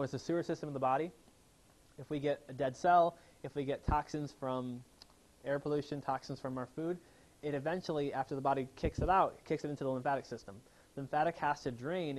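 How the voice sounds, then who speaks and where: A chiropractor with a fairly high, darkish voice gives a spirited health seminar. Addressing a live audience in the room, he keeps turning questions back to them.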